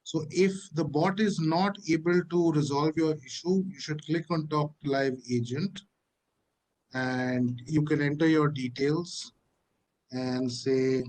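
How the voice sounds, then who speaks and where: Man, slightly high voice, halting presenter demoing software on a video call. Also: steady tone, rough recording. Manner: halting, with many fillers and restarts. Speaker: platform presenter. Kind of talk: live webinar walkthrough.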